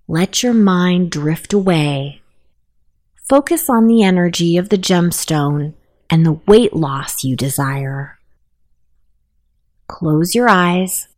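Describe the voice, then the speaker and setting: Woman, guided meditation narration, very slow pace, lowish voice, gentle instructions. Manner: gentle, unhurried spoken instructions.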